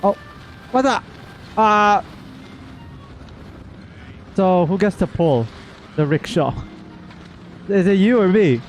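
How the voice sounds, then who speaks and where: A man with a high, expressive voice gives casual, playful gaming commentary while streaming a story quest, speaking slowly, pausing often, and tossing in wry asides. The sound is slightly dull, with faint game music behind him.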